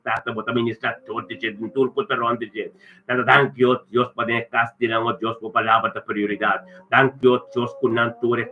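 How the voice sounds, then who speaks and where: Man praying fervently over a phone line. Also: on the low side. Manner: repetitive, chanting refrains of praise. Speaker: pastor leading prayer. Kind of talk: fervent spoken prayer. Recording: tinny phone-line sound.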